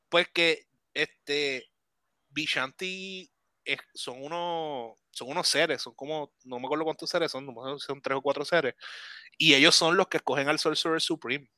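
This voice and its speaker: A man chatting casually about a movie on a podcast, animated and mixing in English words. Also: a little high, moderate pace, no room sound. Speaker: podcast co-host.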